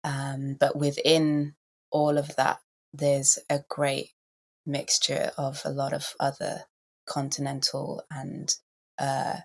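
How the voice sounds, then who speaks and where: A Welsh woman from Wales, a podcast guest answering in a thoughtful, measured way with frequent ums. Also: very deep voice, completely flat delivery, gravelly. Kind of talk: reflective interview answers.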